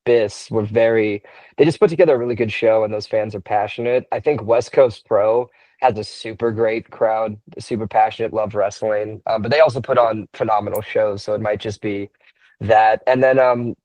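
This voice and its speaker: A young man in his twenties, a wrestler, answering interview questions in a relaxed way, thinking aloud with many fillers and restarts. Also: lowish voice, moderate pace, no room sound. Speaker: wrestler, podcast guest.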